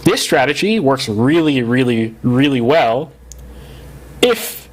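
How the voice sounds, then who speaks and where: A man's voice: medium pitch, sing-song, slow pace. A man hosting a podcast in casual, rambling talk with many fillers, his overdriven mic clipping and distorting. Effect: clipping, distorted mic turned up too loud. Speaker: podcast host. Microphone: studio mic, gain set too high.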